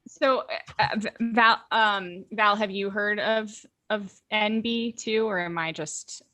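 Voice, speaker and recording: Female host, 30s, chatty and playful, bright edge. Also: medium pitch, fairly even intonation, slow pace. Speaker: podcast host. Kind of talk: casual podcast chat.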